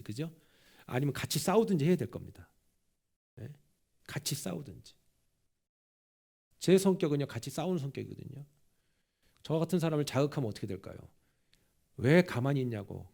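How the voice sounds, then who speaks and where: A male senior pastor preaching a sermon in a church, animated and conversational, often putting questions to the congregation. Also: medium pitch, vocal fry, breathy edge. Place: church sanctuary.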